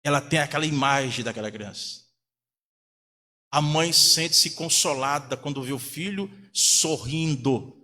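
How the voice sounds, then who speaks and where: A man's voice: medium pitch, measured pace, pushed and bright, big-room sound. A man, a pastor from Brazil, preaching a sermon in a church, telling a family story and acting out the voices of the people in it. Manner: storytelling, acts out quoted voices. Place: church hall.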